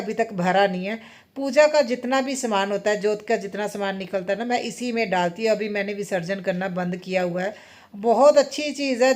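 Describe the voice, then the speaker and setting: A woman's voice: mid-range voice, darkish tone. A woman in her thirties chatting casually in a home vlog, rambling and often adding tag questions. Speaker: vlogger and mother.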